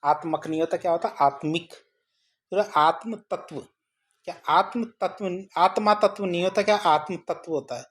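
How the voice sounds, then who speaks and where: A woman's voice: lowish voice, moderate pace, husky. Woman drilling Hindi spelling with repeated questions. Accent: Rajasthani. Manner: repetitive question-and-answer drilling. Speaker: Hindi teacher. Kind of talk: exam-prep spelling lesson.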